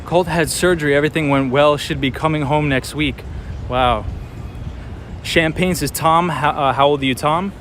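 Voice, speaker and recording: With a voice on the high side and a moderate pace, a New York City man in his twenties hosts a livestream from a city street at night. He's animated and encouraging, chatting casually and addressing viewers by name as outdoor traffic hums behind him.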